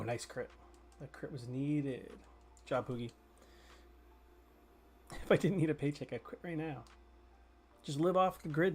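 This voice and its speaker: Brief: male streamer, slightly high voice, loose jokey banter, drops the odd swear. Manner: chatty and joking, answers chat, swears casually. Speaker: gaming streamer. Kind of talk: casual live gameplay chatter.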